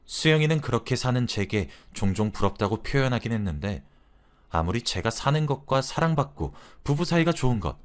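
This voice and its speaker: Man, lively intonation, scripted story narration, confiding chatty manner. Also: mid-range voice, brisk. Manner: chatty confiding storytelling, retelling a wife's account.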